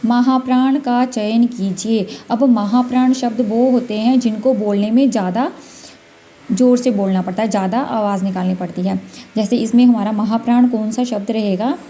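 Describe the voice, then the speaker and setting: A woman's voice: fairly high pitch, fairly even intonation, moderate pace, mellow. A woman teaching a Hindi exam-prep lesson, going through questions one by one, repeating key words and sounding out letters as she explains.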